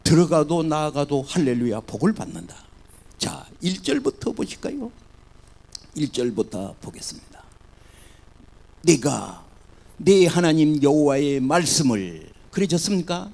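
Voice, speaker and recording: A man delivers a sermon as the church's pastor. His voice sits fairly high and swings wildly from soaring cries to low murmurs. A gravelly rasp runs through his speech. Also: measured pace. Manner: animated preaching, swinging from loud cries to soft murmurs.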